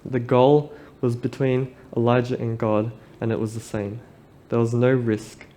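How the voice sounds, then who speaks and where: A man preaching a sermon at a pulpit microphone, reading scripture aloud and reflecting on it in a measured, earnest way. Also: medium pitch, level tone, mellow, slight background noise.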